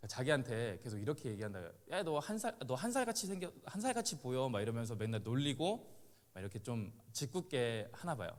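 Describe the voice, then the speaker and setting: A man in his thirties, a missionary, telling a story in a sermon to a congregation in a relaxed, conversational way with many filler sounds and chuckles. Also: mid-range voice. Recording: long hall reverb.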